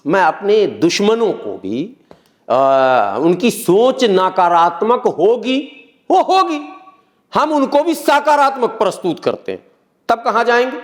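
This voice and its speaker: An interview guest, a middle-aged man, speaks in a notably high register. He explains patiently and earnestly, returning to the same phrases to drive each point home. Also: very animated, slow pace. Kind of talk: political interview talk.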